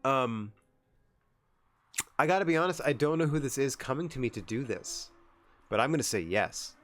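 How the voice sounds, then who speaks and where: A man's voice: medium pitch, animated, moderate pace, fairly bright tone, soft background music. A young man streaming a wrestling management game, chatting and giggling to himself as he makes choices. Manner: chatty, giggly, talks to himself while deciding. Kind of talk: casual gameplay commentary.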